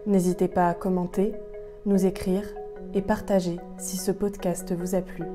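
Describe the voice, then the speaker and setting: A woman hosting a podcast, asking questions and reading the outro in a steady, even way. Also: on the low side, normal speed, over music. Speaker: podcast host.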